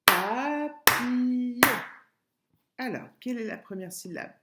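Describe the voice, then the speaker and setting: A woman schoolteacher giving a recorded lesson to young pupils, patient and clear, repeating words and sounding out syllables. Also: medium pitch, big pitch swings, slow, very noisy. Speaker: primary school teacher. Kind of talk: remote classroom lesson video.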